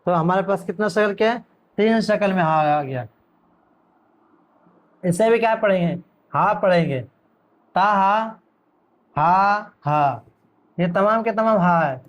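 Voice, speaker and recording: Slow, high-voiced Quran teacher. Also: male voice, low-quality recording. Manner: asks questions and answers them himself; drawls letter names very slowly. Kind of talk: letter-by-letter lesson.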